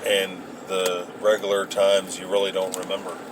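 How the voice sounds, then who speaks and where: A man casually rambling through old memories, halting and hesitant as he searches for details. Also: sits low, completely flat delivery. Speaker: vlogger recounting memories. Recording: noisy, with vehicle and ambient sound.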